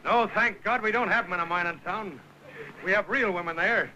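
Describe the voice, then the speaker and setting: An actor playing a blunt, scornful husband just out of prison, in an early talkie film. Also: male voice, high-pitched, normal speed. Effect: early talkie film soundtrack. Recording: hissy early sound film.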